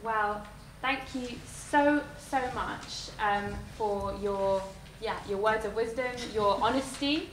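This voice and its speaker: A woman's voice: mid-range voice, slow, hardly any pauses. Woman in her thirties moderating a panel. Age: 30s. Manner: friendly, hesitant with fillers. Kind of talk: live panel discussion. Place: lecture hall. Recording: echoey hall, faint noise.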